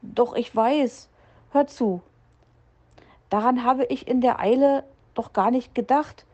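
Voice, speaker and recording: A grumpy, jittery uncle fox from a children's storybook, gruff one moment and flustered the next, as a woman reader plays him. He talks slowly in a dark, mellow voice. The recording has a dull, lo-fi sound. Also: on the high side, pitched above the performer's own voice. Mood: blustering. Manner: gruff, blustering, flustered excuses. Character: grumpy, nervous middle-aged male fox uncle.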